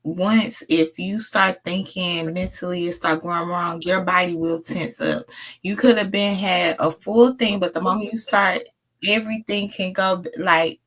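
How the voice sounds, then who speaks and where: A woman's voice: lowish voice, fairly even intonation, a little slow, a bit bright. Encouraging woman with a Mississippi accent. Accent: Mississippi Southern American. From Mississippi, United States. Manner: encouraging, emphatic, conversational. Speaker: host of a doula talk show. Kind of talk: casual live interview chat.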